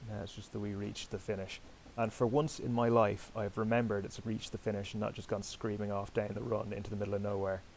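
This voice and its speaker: Gravelly-voiced man commentating a sailing game. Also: on the low side, little pitch movement, fairly quick, few pauses, a little mellow, a little hiss or hum, low-quality recording. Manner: chatty, self-deprecating, talks to viewers. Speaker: host commentating online sailing races.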